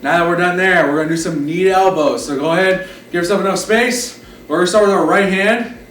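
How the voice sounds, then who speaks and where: A man's voice: sits high, brisk, fairly bright tone, a little hiss or hum. A man leading an exercise class as instructor, giving short encouraging cues and counts. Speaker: fitness instructor. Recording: roomy echo, distant mic, background music. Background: music.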